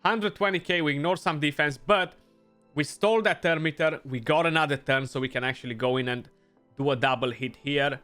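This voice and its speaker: His voice a little high, bright and forceful, the young gaming YouTuber with a Romanian accent delivers brisk, casual commentary on his gameplay. He thinks aloud, often adds "you know," and faint music plays in the background.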